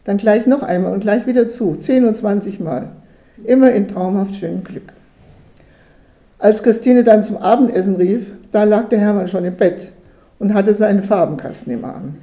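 A narrator reads a homely storybook tale aloud and slips into voices for its characters. The tone is warm, dark and mellow. The reading rings a little in a roomy space. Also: mid-range voice, moderate pace. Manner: lively voicing of characters. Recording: roomy echo.

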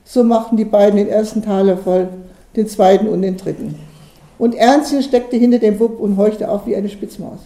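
A woman reading a children's story aloud in a lively storytelling manner, recorded in an echoey room. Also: medium pitch, normal speed.

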